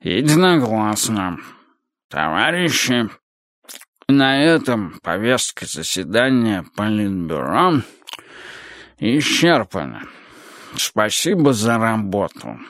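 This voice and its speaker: A man doing a slow, drawling old Soviet leader. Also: lowish voice, big pitch swings, a bit bright, dry recording, studio quality, full character voice. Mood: weary drawl. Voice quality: slow drawling speech, tired. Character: elderly male Soviet leader chairing a meeting. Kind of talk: audiobook reading.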